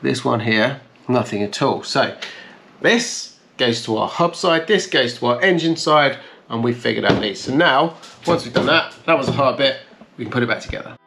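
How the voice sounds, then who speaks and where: In a casual restoration vlog, a man in his thirties who runs a car restoration channel explains things step by step, hands-on. He has a medium pitch, an animated delivery at moderate pace, vocal fry, and a fairly bright tone. He sits at a table in a bright, plant-filled conservatory, and there's slight background noise.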